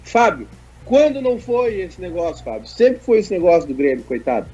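A man's voice: high-pitched, very animated, moderate pace, warm tone, slightly rough. Nasal man with a dull lo-fi sound. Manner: joking, reads viewer messages aloud. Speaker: co-host. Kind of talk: casual sports chat.

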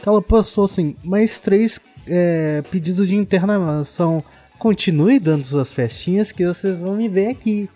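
Brazilian guy, slightly high voice, sarcastic profane rant, faint music underneath. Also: normal speed, few pauses, mellow. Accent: Brazilian Portuguese. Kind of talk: casual ranting chat.

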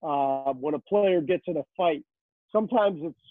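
Over a tinny phone line, a rinkside hockey reporter answers interview questions. His voice is a little high and his speed normal, and he tells stories chattily with plenty of "uh" fillers.

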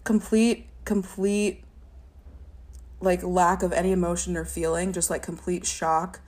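A young woman giving a personal testimony in an interview, talking in a halting, reflective way with many fillers and a stutter. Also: on the low side, level tone, a little mellow. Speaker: interview guest.

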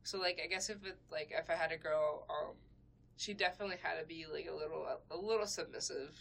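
A woman's voice: low voice, steady tone, quick pace, vocal fry, a bit bright. A young woman co-hosting a casual podcast, rambling with lots of fillers and restarts, laughing often. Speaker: podcast co-host. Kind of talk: casual chat.

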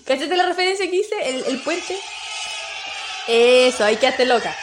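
Playful high-voiced Chilean woman. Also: animated, normal speed, background noise. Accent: Chilean Spanish. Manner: playful, laughs often, sings snippets. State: sore throat. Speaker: podcast co-host. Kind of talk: casual chat.

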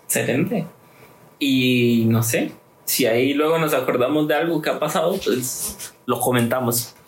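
A man's voice: mid-range voice, measured pace. A man hosting a casual podcast chat, giving short prompts and moving the segments along. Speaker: podcast host. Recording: echoey room, faint noise.

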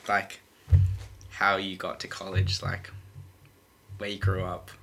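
A woman's voice: very deep voice, completely flat delivery, slow, pushed and bright, a little hiss or hum. A young woman at college, interviewing a friend casually, dry and teasing as she steers the talk. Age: young adult.

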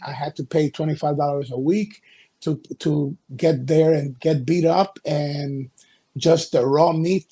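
A middle-aged man from Ecuador, a wrestling promoter and pastor, answering interview questions in a halting way with many fillers. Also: on the high side, mellow, slightly rough.

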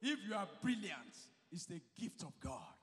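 High-voiced, bright preacher in a hall. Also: male voice, wildly swooping pitch, normal speed, husky. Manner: emphatic, swings from quiet asides to loud shouted exhortation. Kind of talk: sermon to students. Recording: reverberant hall.

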